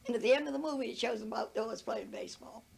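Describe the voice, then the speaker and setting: An older woman with a New England accent recounts events in an interview, earnest and anecdotal. Her voice is high, gravelly and breathy. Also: quick pace, darkish tone. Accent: New England American. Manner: earnest, anecdotal, quotes others in retelling. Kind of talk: casual storytelling in an interview.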